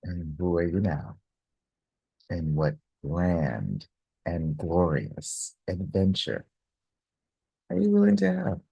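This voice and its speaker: Slow, effusive American-born woman host. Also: rumbling low, very animated, vocal fry, mellow, slightly rough, dry recording, lo-fi sound. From United States. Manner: effusive, laughing, slow and drawn-out. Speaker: workshop host. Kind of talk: closing thanks at a live workshop.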